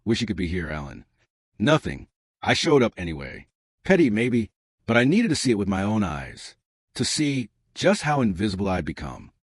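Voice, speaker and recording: A man narrating a first-person family drama story in a measured, bitter tone. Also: fairly low pitch, big pitch swings, slightly rough, dry recording, clean studio sound.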